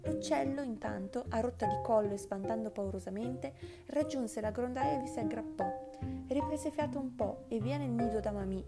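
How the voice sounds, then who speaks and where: Female storyteller, expressive read-aloud, music loud underneath. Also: fairly high pitch, moderate pace. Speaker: narrator. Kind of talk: children's story reading.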